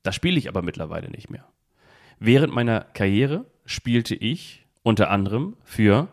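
A man hosting a relaxed football podcast, quizzing his co-host. He phrases each clue in the first person as the mystery player and lists clubs and career stats. He talks into a phone held close to a device. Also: lowish voice. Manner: poses riddles speaking in first person as footballers. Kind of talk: casual football quiz chat.

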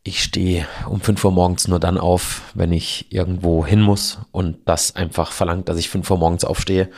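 Man in his early 40s, low gravelly voice, nasal and honking from a cold, casual podcast host, chatty. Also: a little mellow. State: congested with a cold. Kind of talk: casual solo podcast talk.

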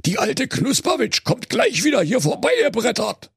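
A man voicing a dim, loud teenage male bear in Berlin dialect, squeaky and shouting. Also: huge pitch swings, moderate pace, gravelly, breathy edge, no echo, clean studio sound, exaggerated voice. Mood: excited.

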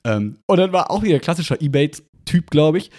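A man hosting a podcast in casual chat, telling a story with lively acted-out dialogue. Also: fairly high pitch, brisk. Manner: animated anecdote telling, acting out quoted dialogue. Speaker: podcast host.

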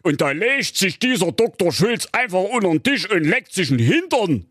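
A man doing a high, fussy old king. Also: big pitch swings, normal speed, a bit bright, no room sound, clean studio sound, exaggerated voice. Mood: complaining. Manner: complaining, chatty.

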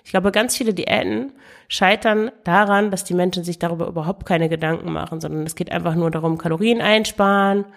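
Low-voiced woman hosting a podcast. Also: fairly quick, creaky. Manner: calm explaining, addressing the listener directly; frequent self-corrections and restarts. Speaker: podcast host and weight coach. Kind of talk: solo podcast monologue.

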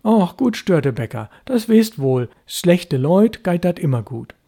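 A man voicing a weathered old sailor with a gruff, plain-spoken Low dialect. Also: very animated, a little slow, dark tone, full character voice. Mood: teasing.

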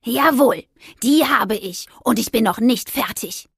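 A woman's voice: on the high side, lively intonation, measured pace, slightly rough, no echo, studio quality, full character voice. A woman voicing a hot-tempered, self-righteous young witch in an audio story, brash and indignant. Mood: defiant. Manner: indignant, brash, shouting at passers-by.

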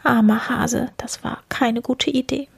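A woman's voice: on the high side, steady tone, a little slow, vocal fry, husky, no room sound, pitched above the performer's own voice, heavily acted. A woman voicing small chattering squirrels in a storybook read-aloud.

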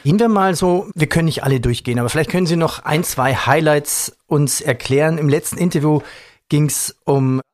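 A man interviewing a company executive, asking direct questions and listing topics briskly. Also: fairly high pitch, a little mellow, no room sound, studio quality. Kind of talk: business interview.

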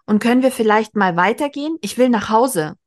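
A woman reading aloud as a defiant teenage girl who snaps at her mother, in a sharp tone. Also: a little high, animated, fairly quick, natural voice. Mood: snappy. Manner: sharp, snappy.

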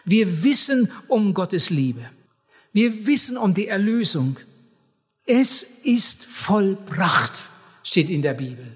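A man preaching a sermon in an earnest, emphatic way, addressing his listeners warmly as dear ones. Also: high-pitched, big pitch swings, slow pace, husky. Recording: long hall reverb.

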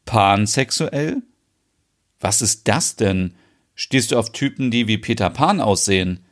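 A man's voice: lowish voice, expressive, slow pace. A man playing a grumbly, teasing man in his thirties in an audio soap. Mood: chatty. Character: 32-year-old man, grumbly, teasing, fond of bearded men.

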